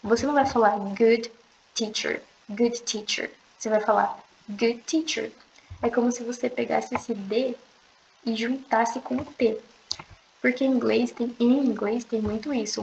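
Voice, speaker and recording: A young woman teaching an online language lesson, explaining patiently and repeating slow, drawn-out pronunciation examples. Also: on the high side, vocal fry, a little hiss or hum. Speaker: English teacher. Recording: echoey room, dull lo-fi sound.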